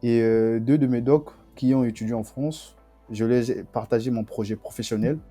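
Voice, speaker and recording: A young man from the Republic of the Congo, a student guest telling his story in a podcast interview, halting and often repeating himself. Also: medium pitch, steady tone, warm tone, soft background music.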